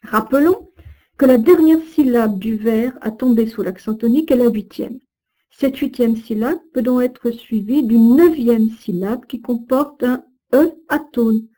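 A woman giving a recorded lesson, reciting old verse and explaining pronunciation with slow, deliberate diction that stresses each syllable. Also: on the high side, dark tone, poor audio. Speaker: teacher of Old French.

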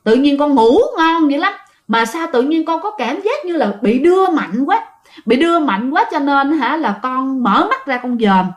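A woman's voice: high voice, expressive, moderate pace. A woman voicing a frightened grown uncle, telling in a panicky rush.

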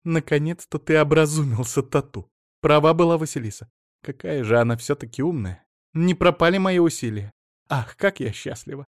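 A man's voice: on the high side, animated, moderate pace, no echo, voice pushed up, natural voice. A capricious young wife with a raised, coaxing voice, put on by a male reader. She bosses her husband sweetly and firmly. Dry, close recording. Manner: coaxing, bossy. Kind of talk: audiobook character reading.

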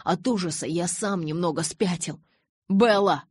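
A woman narrating an audiobook in the first person, measured and restrained. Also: sits low, fairly even intonation, a little mellow, breathy edge, no echo, studio quality.

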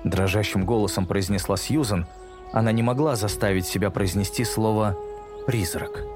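A man narrating a children's story in a measured pace, slowing down for dramatic moments. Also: lowish voice, fairly even intonation. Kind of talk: audiobook narration. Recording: music bed under narration.

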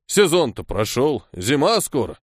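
A man doing a gruff, bassy bearded man. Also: sing-song, a little slow, no echo, clean studio sound. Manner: gruff, commanding. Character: bearded man, gruff, bass-voiced, bossy.

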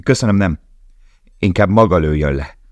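A man's voice: deep voice, no room sound, natural voice. A man reading an audiobook, voicing a desperate young male prisoner who speaks in an urgent, commanding way.

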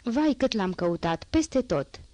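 Woman doing Éponine, a hoarse brash girl. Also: medium pitch, lively intonation, a little mellow, no echo, natural voice. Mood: eager. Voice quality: hoarse, strained voice. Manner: chatty, boastful, restless. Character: poor ragged teenage girl, brash yet anxious.

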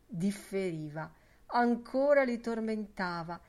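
A woman reads a novel aloud in a measured, lyrical voice. Her pitch sits in the middle range and she takes her time over each phrase. It is a literary audiobook narration. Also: expressive, a little mellow. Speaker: audiobook reader.

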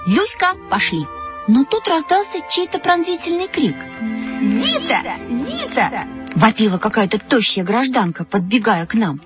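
Lively woman narrating a children's story. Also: fairly high pitch. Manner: lively, first-person storytelling. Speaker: audiobook narrator. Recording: dull audio, faint background music.

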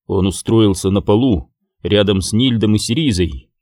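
A man with a low voice reads an audiobook at a steady, measured pace. The recording is dry and close, with no room sound. His delivery stays even through the narration. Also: no room sound.

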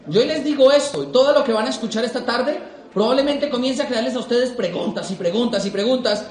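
Speaking fairly quickly in a very high voice, a young motivational speaker from Colombia addresses a live audience in an echoey hall. The talk is emphatic and full of repeated rhetorical questions.

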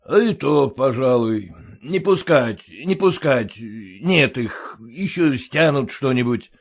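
A man voicing a fussy, loud middle-aged merchant who shouts and then fawns. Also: mid-range voice, lively intonation, takes it slowly. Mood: blustering. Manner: shouting, blustering, fawning.

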